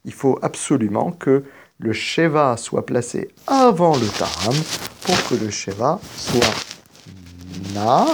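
Lively-voiced man teaching grammar. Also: mid-range voice, gravelly, slight background noise. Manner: methodical explaining, stops to correct himself. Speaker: teacher of biblical Hebrew grammar. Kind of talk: spoken grammar lesson.

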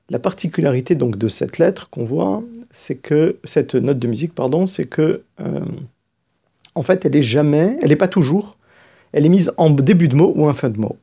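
A man giving a patient lesson on reading Hebrew scripture, explaining grammar and chanting verses in a drawn-out sing-song. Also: medium pitch, gravelly, mellow, husky. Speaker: teacher of Torah reading.

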